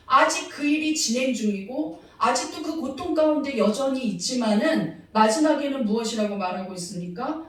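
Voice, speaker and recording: Woman preaching in an echoing hall. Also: a little high. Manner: earnest preaching with rhetorical questions to the congregation. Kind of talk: sermon. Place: church sanctuary. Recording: very echoey hall, mic far off.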